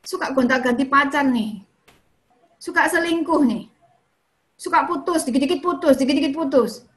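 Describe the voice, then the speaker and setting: A woman's voice: high-pitched, fairly bright tone. A woman speaking at a church fellowship in a chatty advice talk, often asking questions and answering them herself. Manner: chatty, often ends points with "kayak gitu" and "gitu ya"; asks the listeners questions and then answers them. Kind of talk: casual advice talk on dating and marriage.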